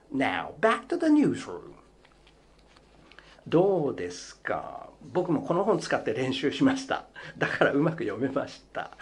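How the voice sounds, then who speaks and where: A man hosting a radio show in a studio, explaining English pronunciation in a chatty, emphatic way and speaking straight to his listeners. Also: fairly high pitch. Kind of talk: radio talk explaining language learning.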